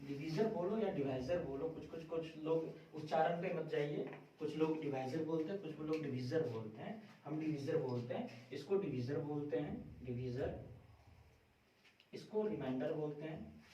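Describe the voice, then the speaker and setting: A man with a slightly high, mellow voice teaches math at a moderate pace, often answering his own questions. The recording, made in a very echoey room with a distant mic, sounds dull and has slight background noise.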